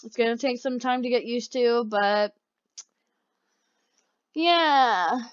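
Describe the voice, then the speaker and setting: A woman hosting casual let's-play commentary, excitable and thinking aloud, with a lisp from wearing braces. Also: a little high, slow, no room sound, highs cut off. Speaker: host of a gaming channel. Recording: clearly noisy background hum.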